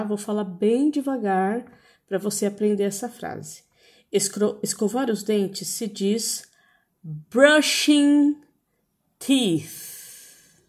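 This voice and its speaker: A woman with a Brazilian Portuguese accent patiently teaches English words to young children in slow, drawn-out pronunciation drills. She repeats each word several times. Her voice is medium in pitch with a dark tone.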